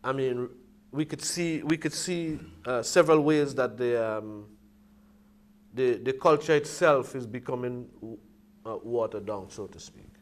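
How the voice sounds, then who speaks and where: A man in a casual, reflective discussion, speaking haltingly and searching for his words. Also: mid-range voice.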